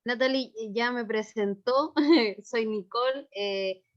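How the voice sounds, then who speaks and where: A Chilean woman introduces herself to a class over a headset, talking quickly and a little unsure. Her voice sits somewhat high. The call audio is dull and lo-fi. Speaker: student. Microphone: headphones on a video call.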